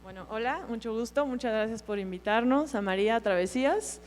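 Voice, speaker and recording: A woman's voice: a little high, fairly quick, darkish tone. Woman hotel owner, friendly, long hall echo, faint hum. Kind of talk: panel introduction.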